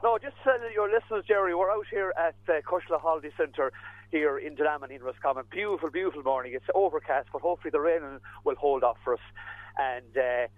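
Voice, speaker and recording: A man's voice: a little high, fast talker, no room sound. An Irish man reporting live for radio in a casual, jokey, rambling way, often repeating his words. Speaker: radio outside-broadcast reporter. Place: outdoors at a community run. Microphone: phone. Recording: tinny phone line.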